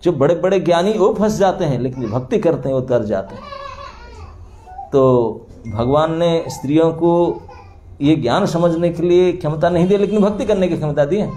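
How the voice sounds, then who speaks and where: A man's voice: on the high side, moderate pace, slight background noise. A man giving a storytelling sermon in a temple hall, acting out the characters as he explains scripture to a seated audience. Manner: animated, acts out the characters' crying and pleading with laughter. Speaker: preacher.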